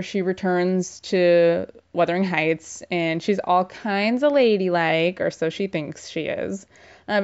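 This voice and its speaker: A woman's voice: fairly low pitch, dull audio. A young woman giving a casual book summary, chatty and irreverent, full of filler words and slang.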